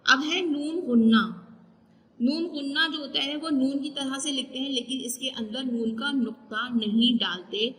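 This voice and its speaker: A woman's voice: sits high, normal speed, a bit bright, big-room sound, poor audio. A woman teacher giving a recorded class lesson, patiently spelling out letters and drawing out each sound.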